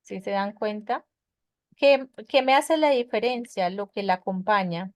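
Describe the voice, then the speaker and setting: A woman's voice: medium pitch, a little slow, dry recording. A woman teaching an English grammar class online, explaining patiently and checking with her students as she goes. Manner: patient, explains step by step with many checking questions. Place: online web conference class.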